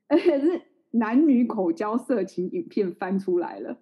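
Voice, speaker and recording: A woman in her thirties co-hosts a podcast, chatting casually and laughing often as she tells a family story. Her voice is medium-pitched, animated and husky at a normal speed, captured in a slightly dull lo-fi recording.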